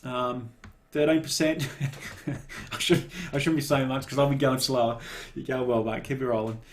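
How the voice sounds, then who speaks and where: A man giving relaxed, casual live commentary on a cycling race and cheering riders on by name. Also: mid-range voice, moderate pace, a little hiss or hum.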